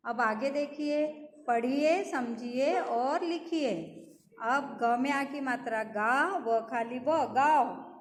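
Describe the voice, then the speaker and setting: A high-pitched woman teacher talks slowly and patiently, stretching out each syllable for young learners. She often asks a question and answers it herself. Her voice rings in an echoey room with a long tail and a faint hum behind. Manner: slow, drawn-out sounding of syllables and words. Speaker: primary school teacher. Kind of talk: Hindi lesson for young children.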